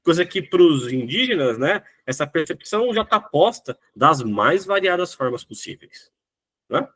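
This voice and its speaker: With a Brazilian Portuguese accent, a man teaches a recorded lesson in a fairly bright voice on the high side, moving a little slowly with big swings in pitch. He walks through the material step by step, regularly tacking on "né?"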